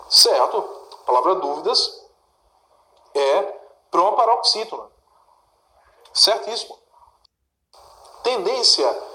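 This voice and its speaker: In a recorded exam-prep lesson, a man with a high, pushed, bright voice works through exam questions step by step. He asks questions and answers them himself, checking in with the listener, in an echoey room.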